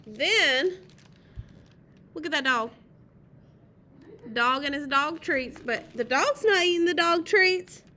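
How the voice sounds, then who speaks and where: Brief: woman storytime reader, bright and high, slow and expressive, faint noise behind. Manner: gentle, expressive, drawn out. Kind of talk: reading a picture book aloud to children.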